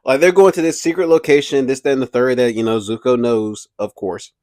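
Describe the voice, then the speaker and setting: A young man hosting a casual commentary video, animated and slangy, laughing often as he talks. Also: mid-range voice, brisk, no room sound. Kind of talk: casual pop-culture commentary.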